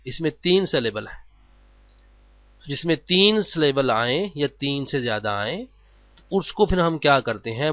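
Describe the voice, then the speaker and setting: A man teaching a grammar lesson, explaining in Urdu and drawing out the English phrases slowly. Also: a little high, no echo, dull audio. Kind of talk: classroom-style lesson.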